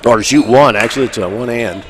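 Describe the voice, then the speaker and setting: A man calling play-by-play for a college basketball game, with steady calls of each pass and shot and occasional wry asides. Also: medium pitch, fast talker. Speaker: play-by-play announcer. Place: college gym. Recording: loud crowd noise behind.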